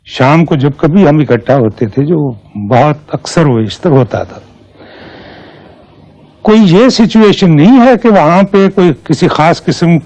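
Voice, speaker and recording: A man speaks slowly and expressively, his pitch swinging widely, as he explains things in an interview. The recording is dull and lo-fi. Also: darkish tone. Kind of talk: reflective interview.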